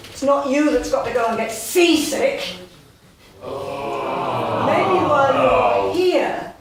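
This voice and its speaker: A woman's voice: sits high, full character voice. A woman playing a sulky, dramatic talking cat in a stage pantomime, complaining plaintively to the audience. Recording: noisy echoey hall from far off.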